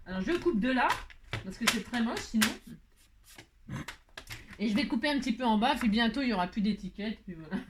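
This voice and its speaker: Fairly quick and animated, with long pauses, this slightly high-voiced woman jokes through a relaxed card-making tutorial against background noise. She feigns exasperation at herself in a theatrical way and keeps tossing in "hein" asides as she works.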